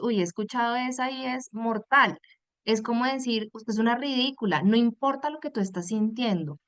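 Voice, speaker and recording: Woman teaching a webinar, warm-hearted, acts out what people say, dry mic. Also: fairly high pitch, no room sound. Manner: affectionate, acts out example phrases, calls listeners "mis amores". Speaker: psychologist and coach giving a webinar.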